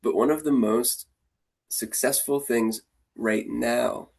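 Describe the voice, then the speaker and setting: A man who teaches martial arts, chatting casually and telling animated stories, often acting out what his students say. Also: mid-range voice, slow, gravelly, slightly rough. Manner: animated, acts out the kids' voices. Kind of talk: casual storytelling conversation.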